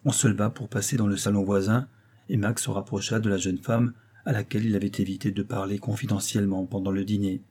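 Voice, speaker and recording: A man reading a classic novel aloud as narrator, steady and measured. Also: fairly low pitch, breathy edge. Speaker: audiobook narrator.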